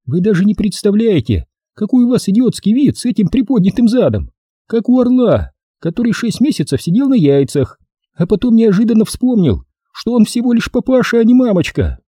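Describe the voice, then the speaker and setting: A man voicing a sharp-tongued young woman who teases and mocks with sarcasm. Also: high-pitched, big pitch swings, brisk, slightly rough, no echo, studio quality, pitched above the performer's own voice, full character voice. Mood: teasing. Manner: teasing, sarcastic.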